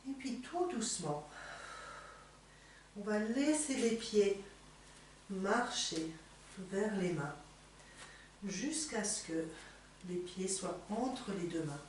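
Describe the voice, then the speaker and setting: A woman teaching yoga in a soothing, unhurried, gently encouraging manner, giving slow guided instructions. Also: medium pitch, expressive. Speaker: yoga teacher leading a morning class. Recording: echoey room, distant mic, faint noise.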